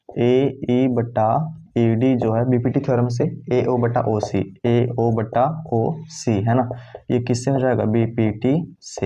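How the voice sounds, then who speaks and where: A man's voice: medium pitch, mellow. A male math teacher explains each step as he writes on the board. He keeps checking in with "है ना" and answers his own questions. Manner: talks while writing, with constant "है ना" checks; asks questions and answers them himself. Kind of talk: board-work math lesson. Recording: dull lo-fi sound.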